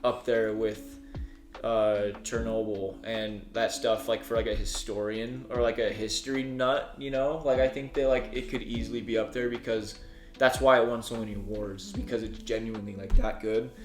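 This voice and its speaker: A man's voice: lowish voice, level tone, moderate pace. Young man rambling in a roomy room. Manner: rambling, many restarts and fillers. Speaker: co-host ranking shows. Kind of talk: casual group chat. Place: living room couch with friends. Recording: roomy sound with music underneath.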